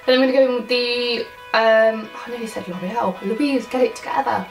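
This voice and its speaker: A woman's voice: a little high, fairly even intonation, normal speed, creaky. A young woman with a nasal voice, still recovering from an illness, chatting casually through a makeup tutorial with lots of ums. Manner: chatty and rambling, many ums. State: recovering from illness, swollen glands. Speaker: beauty YouTuber. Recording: somewhat distant mic, faint music.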